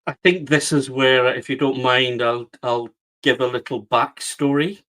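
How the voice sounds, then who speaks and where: A middle-aged publisher from the west of Scotland, with the region's accent, speaks as a guest in a reflective storytelling interview. His voice is medium-pitched, fairly even in intonation, a little slow, and a bit bright. He tells his story earnestly, often restarting and repeating words as he does.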